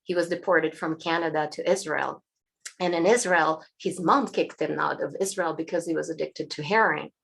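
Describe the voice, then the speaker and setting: A woman from Eastern Europe telling her story frankly as an interview guest, halting, losing her voice and clearing her throat. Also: sits low. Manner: frank, halting, many restarts. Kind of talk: candid personal storytelling.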